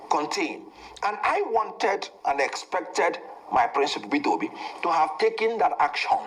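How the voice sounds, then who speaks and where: Fiery Nigerian man, wildly swinging pitch. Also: a little hiss or hum, low-quality recording. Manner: fiery, swings from low and measured to shouting. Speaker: political guest. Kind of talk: impassioned political interview.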